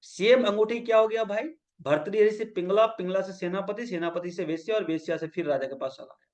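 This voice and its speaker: A man's voice: sits high, fairly quick, a little mellow. A man teaching a yoga class, telling stories and acting out quoted lines, often asking the students to repeat key points back to him. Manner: mixes English phrases into his talk. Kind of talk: lecture storytelling.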